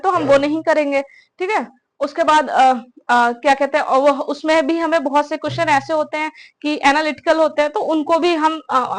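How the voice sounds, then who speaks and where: High-pitched young woman mentoring exam aspirants, chatty, keeps checking in. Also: fairly bright tone. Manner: conversational, repeats tag questions, addresses listeners as brother. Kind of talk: casual advice talk to students.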